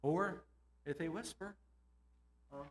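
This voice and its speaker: A man's voice: on the high side, slow pace. Man lecturing teachers with questions. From United States. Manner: lively, asks the audience questions, laughs between points. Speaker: school administrator. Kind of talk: conference talk to teachers.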